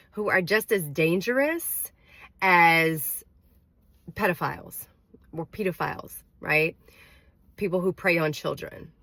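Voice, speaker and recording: A woman with a deep yet fairly bright voice sounds congested and under the weather in this dry recording. An adult vlogger with a daughter, she gives earnest, careful dating advice straight to camera, using many fillers.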